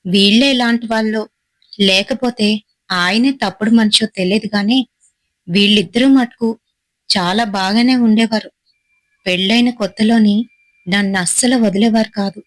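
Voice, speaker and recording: A woman's voice: mid-range voice, fairly even intonation, moderate pace, long pauses, dry recording, close to an everyday voice, poor audio. A woman voicing a wronged young wife and mother who speaks in a bitter, heartfelt, resolute way. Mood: reflective. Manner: bitter, heartfelt first-person telling.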